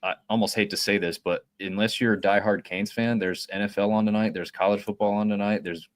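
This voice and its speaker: A man co-hosting a casual hockey watch-party podcast, chatty and relaxed, explaining things at length. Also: lowish voice, a little fast, no echo. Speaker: podcast co-host.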